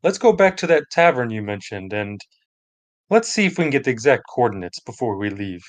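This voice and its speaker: A man puts on Yuza, a curious young adventurer in a tabletop game, asking his questions politely and evenly. The voice sits at an ordinary middle pitch. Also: sing-song, a little fast, natural voice. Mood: eager.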